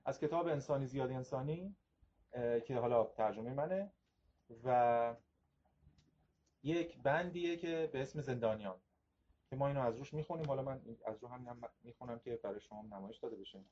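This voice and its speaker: A man lecturing on philosophy in a measured, reflective way, reading passages aloud and often restarting words. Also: mid-range voice, warm tone, muffled recording.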